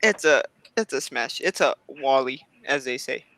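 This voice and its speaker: A man's voice: mid-range voice, animated, normal speed, bright, forceful tone, no echo. A man in a casual group chat who rambles and restarts his sentences often.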